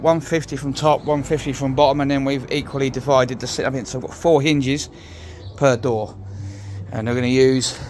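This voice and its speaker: Brief: joiner, mid-pitched, casual how-to talk on a phone mic, faint music behind. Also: male voice. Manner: plain-spoken, talks while working, swears now and then. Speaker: joiner showing a build. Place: indoors on a job site with stairs. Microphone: handheld phone.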